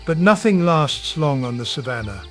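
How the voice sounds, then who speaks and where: A man narrating a nature documentary from a script in a dramatic, measured, portentous way. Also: a little high, sing-song. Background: music.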